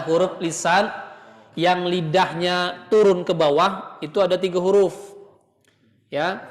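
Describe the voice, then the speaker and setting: A patient male teacher demonstrates letter sounds one by one, chanting short words in a slightly high voice. He takes his time over every syllable. His voice rings with long reverb from a roomy hall. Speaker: Quran recitation teacher. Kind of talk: Quran pronunciation lesson.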